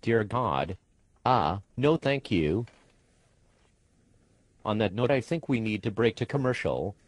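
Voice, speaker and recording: A man's voice: lowish voice, expressive, slow, no room sound. A synthetic man's voice as a prim, flustered talk show host. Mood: exasperated. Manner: formal, apologetic, exasperated.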